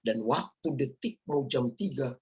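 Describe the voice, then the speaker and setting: A male pastor delivers a sermon in a husky, slightly breathy voice. He moves through a story and calls out to his congregation in a plain preaching manner. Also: medium pitch, animated, unhurried, darkish tone, low-quality recording. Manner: storytelling preacher, addresses listeners as "saudaraku".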